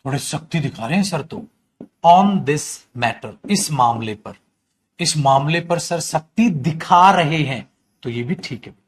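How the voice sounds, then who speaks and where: A man's voice: fairly high pitch, lively intonation, a little slow. A man teaching an online English grammar class, chatty and coaxing, mixing Hindi talk with English example sentences. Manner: chatty, coaxing students with bhaiya and beta. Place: at home or in a studio, drinking tea while teaching.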